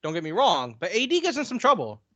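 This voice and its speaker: A man talking basketball on a podcast, with a fairly high voice that rises and falls a lot. He jumps in easily and keeps it relaxed. The recording is close and dry. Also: fast talker, no room sound. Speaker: podcast co-host. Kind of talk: casual sports chat.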